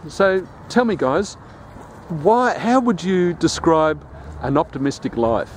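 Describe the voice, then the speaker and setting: Aussie guy chatting to folks in a park, slightly high voice, traffic hum behind. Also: big pitch swings, slow pace. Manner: upbeat, friendly questioning. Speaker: vlog host interviewing people. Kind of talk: casual interview chat. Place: outdoors in a city park. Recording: outdoor camera audio with traffic noise.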